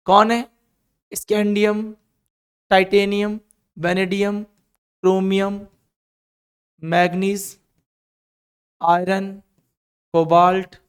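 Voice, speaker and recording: A man's voice: high-pitched, smooth. A male chemistry teacher with an Indian accent giving an encouraging classroom lecture, drilling students through repeated call-and-response lists.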